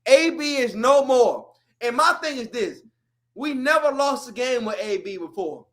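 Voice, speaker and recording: A man from Florida, co-hosting a sports podcast in a heated, animated rant that swings between shouts and low mutters. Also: unhurried. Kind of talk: heated casual sports talk.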